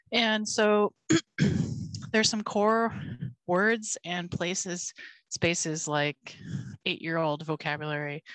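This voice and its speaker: A woman's voice: fairly low pitch, a bit bright, no room sound. A woman from Argentina and the United States, a podcast guest talking in a thoughtful, searching way. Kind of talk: casual conversation.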